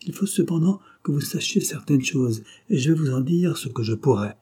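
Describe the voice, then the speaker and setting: A young writer from a storybook, teasing and fond, as a male reader voices him. The tone is dark and mellow, with a husky edge. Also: a little high, animated, normal speed, voice pushed up. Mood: playful.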